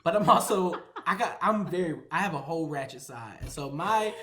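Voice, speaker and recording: Man, pastor, casual vlog chat, teasing, laughs often, drawn-out storytelling. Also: on the high side, animated, bright, forceful tone, slight background noise.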